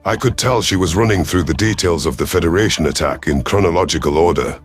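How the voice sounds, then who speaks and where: Over soft background music, a deep-voiced man talks fast with a breathy edge. As the narrator of an audio story channel, he voices a scripted first-person sci-fi tale as a male reptilian alien commander who growls and broods, ruthless yet torn.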